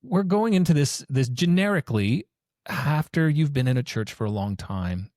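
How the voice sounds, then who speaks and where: A man's voice: a little high, expressive, normal speed, darkish tone, dry recording, clean studio sound. A young man hosting a podcast, chatting casually with lots of fillers and restarts. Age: young adult. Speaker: podcast host. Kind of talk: casual interview chat.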